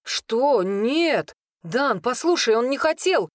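Woman playing excitable young male friend, high-pitched and pleading, dry storybook read. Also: moderate pace, no room sound, lightly acted. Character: cheerful, eager young man, friend of the hero.

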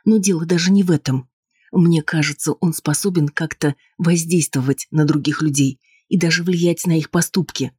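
A man's voice: fairly high pitch, fairly even intonation, normal speed, breathy edge, dry recording, studio quality, pitched above the performer's own voice. A man voicing an anxious, indignant wife. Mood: worried. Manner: pleading, sharp and defensive. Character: anxious, insistent wife, adult woman.

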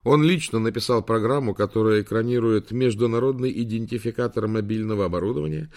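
A man voicing a calm, polite male AI assistant with a British accent, speaking precisely and unflappably. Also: mid-range voice, voice pushed up, natural voice.

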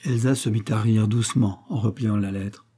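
Male audiobook narrator, steady delivery, dark and husky. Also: on the low side, normal speed. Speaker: audiobook reader. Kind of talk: scripted narration of a novel.

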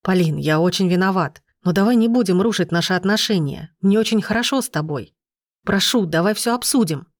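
A woman's voice: medium pitch, a little fast, no echo, natural voice. A woman reading an audiobook, voicing a remorseful young man who earnestly pleads with his girlfriend, in a dry recording. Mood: pleading.

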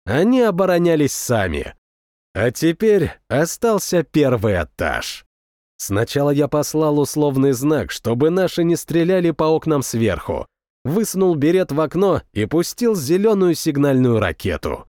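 A man narrating a first-person war story as an audiobook, reading with expressive, dramatic delivery. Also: a little high, unhurried, no room sound, studio quality.

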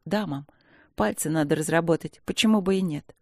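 A reader voicing a quiet, restrained woman army captain who answers her mother calmly and firmly, in an audiobook. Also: mid-range voice, brisk, creaky, no room sound, clean studio sound, natural voice.

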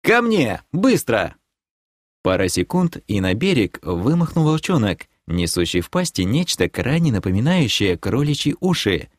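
A man reading a first-person adventure audiobook in an expressive storytelling manner. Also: lowish voice, normal speed, few pauses, no echo, studio quality. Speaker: audiobook narrator.

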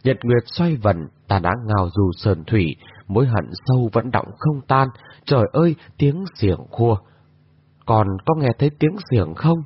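A man's voice: mid-range voice, animated, measured pace, breathy edge, no echo. A man reading a storybook voices a middle-aged noble lady who laments her long suffering. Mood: anguished. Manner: lamenting, mournful. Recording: dull lo-fi recording.

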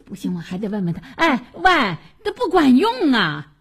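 Fussy old Beijing granny, high lively stammering radio comedy voice. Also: female voice, moderate pace, breathy edge, exaggerated voice. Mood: flustered. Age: older. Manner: flustered, stammering, many exclamations. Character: fussy flustered old grandma, Grandma Meng.

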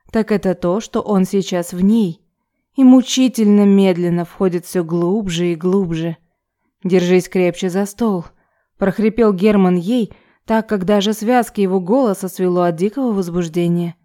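A woman reading an erotic story aloud in calm, even storytelling narration. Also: mid-range voice. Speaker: audiobook reader.

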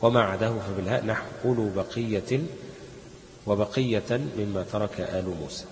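A man's voice: fairly low pitch, fairly even intonation, fairly quick, slight background noise. A man with an Egyptian Arabic accent teaching a lesson on Quran recitation. He talks patiently and poses questions to his listeners, then answers them himself. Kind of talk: explanatory lesson. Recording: echoey hall, faint ambience.

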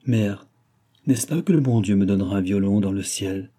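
A man voicing a frail dying little peasant boy who speaks faintly and pleads softly. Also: on the low side, moderate pace, close to an everyday voice. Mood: tender.

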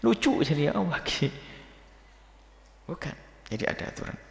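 A man, teaching a sermon lesson to his students with lively, teasing asides. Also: on the high side, measured pace, creaky, echoey room, big-room sound. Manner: lively, teasing asides, calls listeners "nak".

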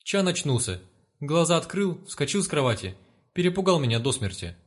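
A scared young woman, put on by a male storyteller, cries out in a high, panicky, pleading voice. Her voice sits well above his own speaking pitch. It sounds like a spoken storybook. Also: expressive, normal speed. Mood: flustered. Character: frightened young woman tending a patient.

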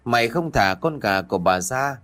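A man's voice: lively intonation, moderate pace, fairly bright tone, natural voice. A man voicing a foul-mouthed old village woman who rants curses at her neighbors over a stolen hen, over faint background music. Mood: furious cursing. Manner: shrill, spiteful ranting curses.

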